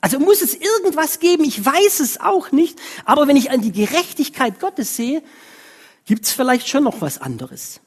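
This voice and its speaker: A woman's voice: high-pitched, very animated, moderate pace. A woman, preaching a sermon in a conversational way with frequent questions to the congregation. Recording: long reverb of a hall.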